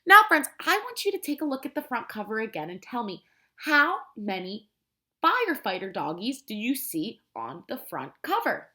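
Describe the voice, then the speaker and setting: Reading a picture book to young children, this American woman, a preschool teacher, keeps her language simple and expressive and prompts the kids with questions. She speaks at a moderate pace in a voice on the high side.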